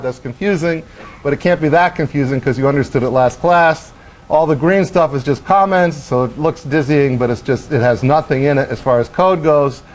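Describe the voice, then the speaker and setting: In a lecture hall, a middle-aged professor delivers a university lecture at a medium pitch. He's animated, acting out motion and throwing wry questions at the class.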